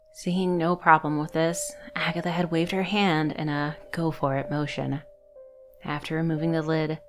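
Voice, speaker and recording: A woman narrating a horror story in a measured, scripted storytelling manner. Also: fairly low pitch.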